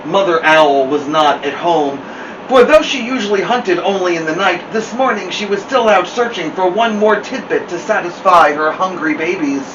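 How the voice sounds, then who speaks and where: Guy reading kids picture book, expressive, highish voice, echoey room with background noise. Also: moderate pace, dull audio. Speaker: storytime host and reader. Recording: roomy, distant mic, noisy hum.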